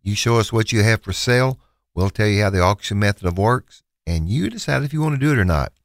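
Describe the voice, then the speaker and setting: Um homem com sotaque do sul dos Estados Unidos, apresentador e leiloeiro, falando num bate-papo de rádio cheio de hesitações e recomeços. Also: male voice, lowish voice, lively intonation, fairly quick, no room sound, clean studio sound. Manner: rambling, many restarts and fillers. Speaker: auctioneer and radio host. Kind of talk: casual radio talk.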